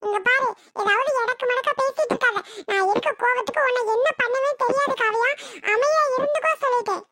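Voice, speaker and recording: A voice actor doing a squeaky young husband. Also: brisk, sharp tone. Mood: exasperated. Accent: Tirunelveli Tamil. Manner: exasperated, pleading. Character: young husband, defiant then tearful. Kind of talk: cartoon voice acting.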